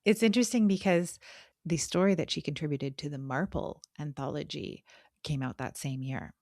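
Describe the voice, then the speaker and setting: A woman's voice: deep voice, moderate pace, a little mellow, no room sound, studio quality. A woman co-hosting a podcast, talking casually about books in a conversational, explanatory way. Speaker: podcast co-host. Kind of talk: casual book discussion.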